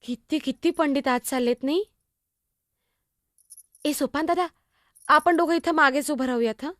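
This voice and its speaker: A woman's voice: high voice, moderate pace, no echo, studio quality, lightly acted. Muktai, a woman playing a chirpy young girl. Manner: chatty, teasing, innocent, exclamatory. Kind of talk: solo stage monologue.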